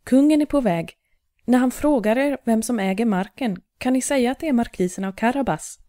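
A woman's voice: a little high, warm tone, dry recording, studio quality, voice pushed up, lightly acted. A woman voicing a clever, scheming male cat in boots, purring and persuasive in a storybook reading. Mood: urgent.

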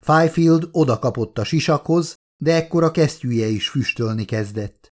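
A man's voice: on the high side, darkish tone. Man reading an audiobook steadily. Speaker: author reading his own book. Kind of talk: audiobook narration.

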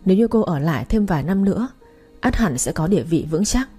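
A man's voice: high-pitched, animated, quick pace, warm tone, breathy edge, faint music behind. A woman voicing a stern male military superior who urges in an earnest, persuasive way.

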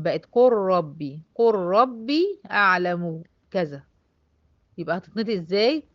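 A woman with an Egyptian Arabic accent leads a tajweed class, moving point by point and answering her own questions. She slows down to stretch out each example word. The recording is dry and a little muffled. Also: mid-range voice, no room sound. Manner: explains step by step, asks and answers her own questions, drawls out example words. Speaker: Quran recitation teacher.

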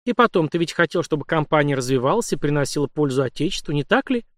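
A man voicing a calm, shrewd middle-aged empress who reasons coolly, in an audiobook. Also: on the high side, quick pace, no echo, clean studio sound, close to an everyday voice. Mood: calm, steely.

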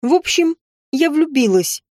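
A woman's voice: high voice, lively intonation, unhurried, a little mellow, no room sound, clean studio sound, pitched above the performer's own voice. A woman reading an audiobook, voicing a careless, self-centered young mother who talks in an offhand, dismissive way. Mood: defiant.

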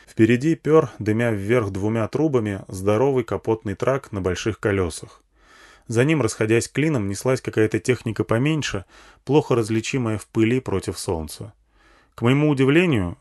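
A man's voice: fairly low pitch, a little mellow. A man narrating a first-person post-apocalyptic audiobook in a dry, matter-of-fact way. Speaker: audiobook reader.

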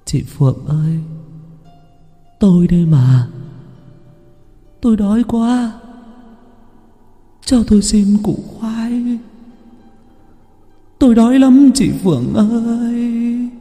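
A man's voice: very high-pitched, lively intonation, dark tone, big-room sound, soft background music, voice pushed up, full character voice. A man doing a pleading old woman's ghost. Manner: pleading, drawn-out calling from afar. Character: hungry ghost of an old village woman, mournful.

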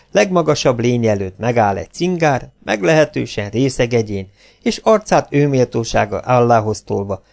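A man reading a novel aloud, narrating in a lively, expressive way. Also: mid-range voice, creaky. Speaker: audiobook narrator.

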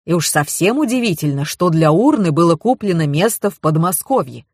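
A woman reading a calm police colonel. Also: lowish voice, a little fast, slightly rough, no room sound, studio quality. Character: middle-aged male police colonel, calm questioner.

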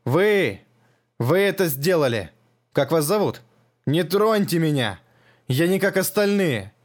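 A man voicing a frail, terrified old man who pleads and shouts in panic. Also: high-pitched, animated, unhurried, voice pushed up. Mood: frightened.

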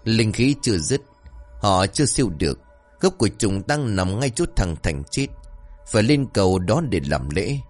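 A man's voice: big pitch swings, moderate pace, darkish tone. Man narrating a ghost story over music. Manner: voices characters with raised pitch. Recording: faint music behind.

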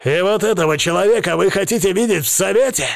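A man voicing an enraged older male crime-family head who barks his lines and turns shrill when he yells. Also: a little fast, no echo, studio quality, lightly acted. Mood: furious. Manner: barking, shrill when yelling.

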